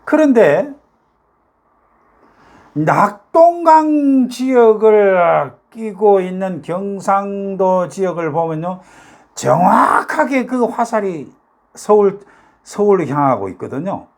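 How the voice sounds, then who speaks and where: A man's voice: sits high, expressive, slow, creaky. An older man with a Gyeongsang Korean accent, talking casually to his viewers in a rambling way, with many fillers and rhetorical questions. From South Korea, North Gyeongsang. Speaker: YouTube talk host.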